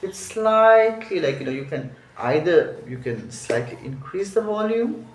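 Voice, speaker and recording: This man's high, sing-song voice moves a little slowly as he teaches a song, explaining every phrase while thinking out loud and correcting himself, captured with roomy echo.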